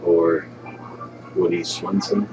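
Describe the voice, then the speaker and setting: A man's voice: deep voice, huge pitch swings, slow pace, noisy background. A laid-back, joking man chatting casually while playing a video game. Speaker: video game player commenting on play. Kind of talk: casual gameplay chat. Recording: muffled lo-fi, distant mic, loud game music. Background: loud game music and sound.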